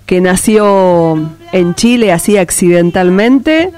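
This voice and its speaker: A woman hosting a radio interview, asking lively, affectionate questions. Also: medium pitch, slow, soft background music. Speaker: radio host.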